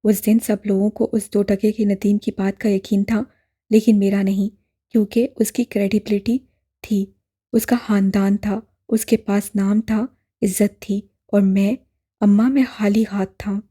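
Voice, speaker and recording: A woman voicing a distraught young man who pleads and shouts in despair, in an audiobook drama. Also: medium pitch, level tone, a little slow, slightly rough. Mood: desperate.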